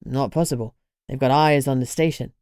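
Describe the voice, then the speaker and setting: Voicing a stern, gruff male vampire in a story she's reading, a woman drops her voice very low for a blunt, matter-of-fact delivery. The tone is steady, a little fast and a little mellow, captured close and dry without any room sound.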